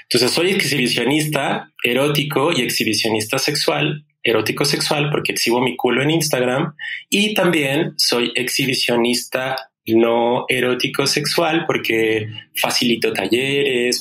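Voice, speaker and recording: A man's voice: medium pitch, normal speed, sharp tone, low-quality recording. Mexican man explaining with easy laughs. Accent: Mexican Spanish. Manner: explanatory, playful, laughs often. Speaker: guest sex therapist. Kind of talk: casual podcast conversation.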